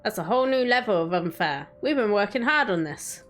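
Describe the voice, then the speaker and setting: Woman, story narration, medium-pitched voice, streamer reading aloud, background music. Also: lively intonation, fairly quick. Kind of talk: dramatic story narration with casual chat asides. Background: quiet music.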